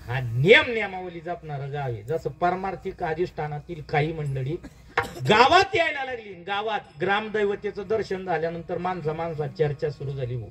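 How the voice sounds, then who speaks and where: A man with a Marathi accent preaching a devotional story in kirtan style, asking the crowd quick questions and swinging up loud on key words. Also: lively intonation, low-quality recording. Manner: call-and-response questions, dramatic rises in pitch and volume.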